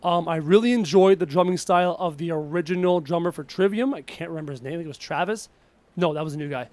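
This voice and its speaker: A young Canadian man, sick with a slight cough, chats casually during a live gaming stream, reading viewer questions aloud and having frustrated outbursts at the game. His voice is a little high and darkish in tone, and he talks fast. The recording is dry.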